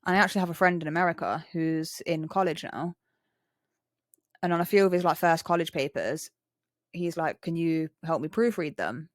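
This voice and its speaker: A young English woman with a rough, chav-style slangy accent, chatting casually and candidly. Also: sits low, moderate pace, dry recording, studio quality. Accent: English, chav-style street slang. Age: young adult. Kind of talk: casual chat.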